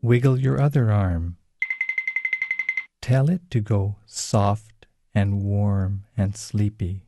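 A man gently leading children through a slow, soothing guided relaxation exercise. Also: fairly low pitch, fairly even intonation, over music.

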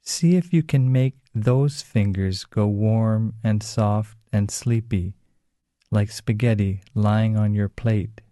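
A man gently leading children through a slow, soothing guided relaxation exercise. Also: fairly low pitch.

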